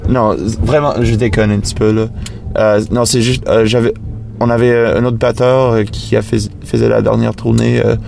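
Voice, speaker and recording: A man, a native English speaker with a foreign accent in French, chatting in an interview and haltingly searching for words. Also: medium pitch, little pitch movement, creaky, darkish tone, soft background music. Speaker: musician being interviewed. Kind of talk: casual interview chat.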